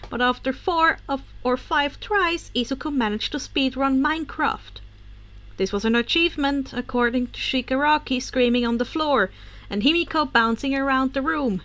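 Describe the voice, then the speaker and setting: A woman's voice: high voice, moderate pace, a bit bright. A woman reading fanfiction aloud in a casual, informal way, sometimes stopping to correct a misread word. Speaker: podfic reader.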